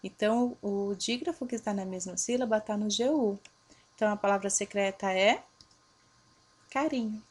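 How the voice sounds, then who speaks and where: A woman teacher, giving a recorded lesson to her pupils, patiently asking and answering her own questions and spelling out letters slowly. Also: medium pitch, slightly rough. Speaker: primary school teacher. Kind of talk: recorded remote grammar lesson.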